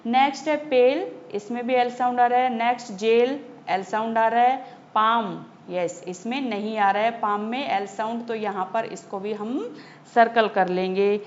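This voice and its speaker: Casting: patient woman teacher, slightly high voice, very slow delivery, dull lo-fi audio. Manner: slow, patient, repeats key points for children. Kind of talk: textbook lesson explanation.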